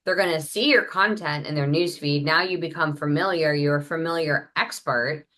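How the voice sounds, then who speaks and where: A woman on a video call, a podcast guest, explaining her business methods in a brisk, practical way. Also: low voice, fairly bright tone. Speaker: podcast guest, marketing entrepreneur. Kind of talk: conversational interview.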